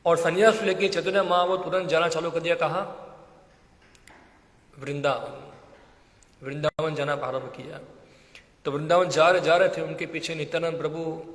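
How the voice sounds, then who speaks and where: Lively storytelling preacher in a hall. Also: male voice, a little high, normal speed, long pauses. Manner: lively storyteller, acts out quoted voices, laughs often. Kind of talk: storytelling sermon. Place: temple hall. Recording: echoey hall with long reverb.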